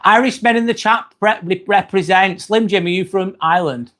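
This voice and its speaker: A livestream host with a northern English accent from near Manchester reads out viewer comments in a chatty, friendly way, using frequent "um" fillers. His voice is high-pitched and a bit bright, at a moderate pace.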